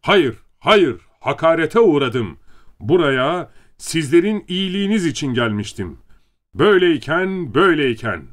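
A man's voice: medium pitch, lively intonation, normal speed, lightly acted. A man voicing a pompous male general who cries out in offended indignation. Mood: outraged. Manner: indignant outcries.

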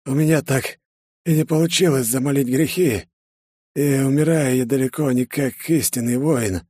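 A man voicing a dying older man in an audiobook, weak and gasping, speaking solemnly in halting phrases. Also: mid-range voice, a little mellow, no echo, studio quality, pitched above the performer's own voice, natural voice. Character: dying older man, former boss, pleading.

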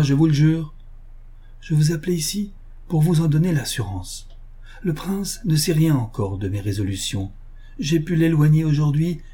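A man's voice: medium pitch, warm tone, slightly rough, pitched above the performer's own voice. A man voicing a grave noble countess. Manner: earnest, measured, solemn. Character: noble young countess, grave and self-sacrificing.

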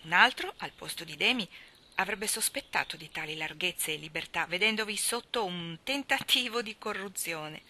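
Female audiobook reader, sharp bright tone, expressive and measured. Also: on the low side. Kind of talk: audiobook reading of a classic novel.

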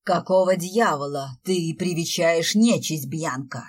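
A woman's voice: low voice, unhurried. Brief: vicious witch stepmother, woman reader, honeyed tone turning to a hiss, audiobook. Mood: menacing. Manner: honeyed then hissing. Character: scheming witch stepmother, sweet-voiced and vicious.

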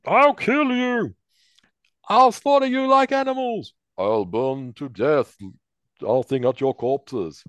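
A man voicing a murderous escaped convict, ranting slowly in a high, strained voice. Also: fairly bright tone, dry recording. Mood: raving. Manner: slow, unhinged ranting.

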